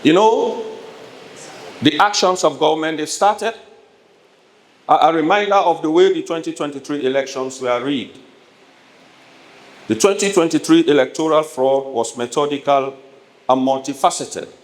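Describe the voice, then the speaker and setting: A politician with a Sierra Leonean accent gives a formal, prepared speech at a town hall event, his voice a little high. He speaks emphatically and deliberately in measured phrases. The hall is echoey, and the recording carries noticeable background noise.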